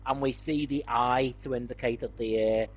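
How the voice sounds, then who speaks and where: A man's voice: mid-range voice, steady tone, moderate pace, slightly rough, lo-fi sound. A man co-hosting a casual chat, easygoing, with some stumbling restarts. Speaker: co-host.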